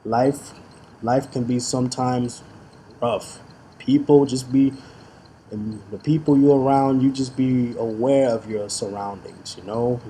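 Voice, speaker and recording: A man with a very dark, mellow voice talks straight to his audience in a casual vlog. He stumbles and repeats words as he goes and turns defiant when he calls out his critics. A faint noise sits under his voice. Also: mid-range voice, fairly even intonation, a little slow. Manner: stutters and restarts phrases; defiant, challenging tone toward critics. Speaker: YouTube vlogger and figure collector.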